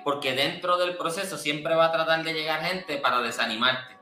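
Earnest man, bright echoey voice. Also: a little high. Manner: earnest, conversational, many restarts. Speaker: churchgoer sharing testimony. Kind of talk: testimony, casual speech.

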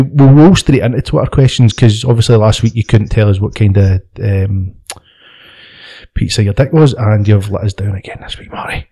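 A man hosting a casual boxing podcast, laughing often and restarting his sentences, with a rough, sweary manner. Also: fairly low pitch, dark tone. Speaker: podcast host. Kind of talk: casual chat.

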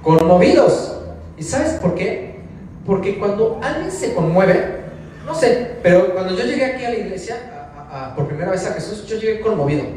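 A Mexican man with a high voice gives a casual sermon, talking to the people in front of him and asking them questions. He is heard from a distance in a very echoey church hall, with faint room noise behind him. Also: big pitch swings, moderate pace, warm tone. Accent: Mexican Spanish. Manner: conversational, asks the congregation questions. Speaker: preacher. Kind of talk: informal sermon.

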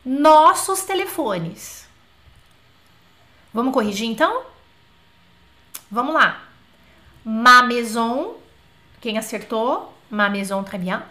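A woman teaching French in a live online class, chatty, asking questions and dictating words slowly. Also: fairly high pitch, lively intonation, pushed and bright. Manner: slow, drawn-out dictation of example words.

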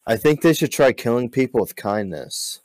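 A man telling deadpan one-liners in casual podcast chat and laughing at his own jokes. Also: medium pitch, moderate pace, rough recording. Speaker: podcast guest comedian.

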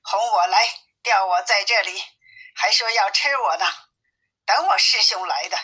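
A woman's voice: medium pitch, normal speed, pushed and bright, breathy edge, poor audio. A woman voicing a grumbling male pig spirit monk who curses his captor, in a storybook reading. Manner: cursing, complaining.

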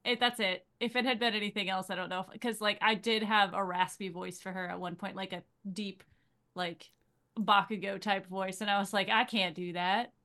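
A woman's voice: mid-range voice, steady tone, a little fast, bright, forceful tone. Rambling woman in casual chat. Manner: rambling, filler-heavy. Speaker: panelist on a role-play show.

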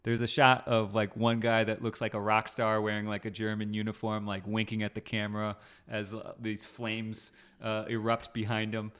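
A man co-hosting a podcast, chatting casually about a movie trailer, halting and repeating himself, quick to laugh. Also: lowish voice, completely flat delivery, fairly bright tone, clean tone. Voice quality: halting, lots of fillers and restarts, laughs easily. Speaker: podcast co-host. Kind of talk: casual movie-review chat.

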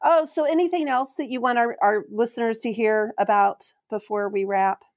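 A woman's voice: a little high, normal speed, dry recording, clean studio sound. A woman hosting a podcast interview, enthusiastic and encouraging, with fillers like "um". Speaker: podcast host.

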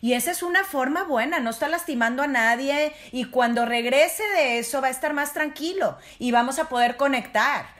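High-voiced woman giving parenting advice. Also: normal speed, few pauses. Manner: warm, explanatory, addresses parents directly. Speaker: parenting guest expert. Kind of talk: casual advice talk.

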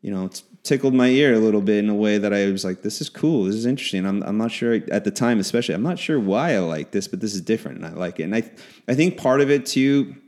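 A man's voice: lowish voice, animated, quick pace, few pauses, a little mellow. A man in his forties, a podcast co-host, reminiscing in casual chat with many restarts. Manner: reflective, rambling with restarts.

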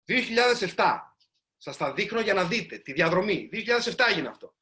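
A man's voice: high voice, animated, sharp tone. A man, a writer, giving a storytelling talk to a live audience and addressing them directly.

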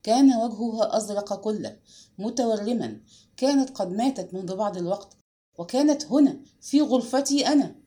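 A woman reading aloud and voicing a frightened young man accused of murder, in a low, strained and sullen way. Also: expressive, moderate pace, warm tone, close to an everyday voice. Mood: tense, sullen.

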